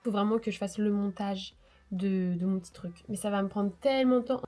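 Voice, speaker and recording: A woman's voice: medium pitch, steady tone, a little fast, dark tone, soft background music. A woman vlogger with a cold, talking in a nasal voice, chatting casually and rambling with self-mocking asides. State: sick with a cold. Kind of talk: casual vlog chat. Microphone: lapel mic into phone.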